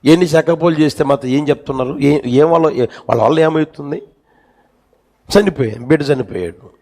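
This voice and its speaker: Brief: gravelly, fairly high-voiced preacher, impassioned and repetitive. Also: male voice, a little fast, dark tone. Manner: impassioned storytelling, repeated phrases. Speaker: pastor. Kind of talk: sermon. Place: church.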